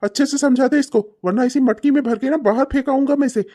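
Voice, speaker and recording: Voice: high voice, quick pace. A voice actor playing an abusive, short-tempered husband and father in a cartoon, hurling insults and threats. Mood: raging. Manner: shouting insults, snarling and threatening. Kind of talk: cartoon comedy voice acting.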